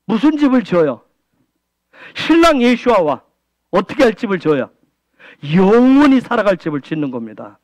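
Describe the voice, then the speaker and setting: A man's voice: high-pitched, big pitch swings, normal speed, pauses often, darkish tone, no echo, dull audio. A male pastor preaching a sermon, firing off rhetorical questions at the congregation and repeating key phrases for emphasis. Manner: keeps asking rhetorical questions and prompting the congregation with "응?".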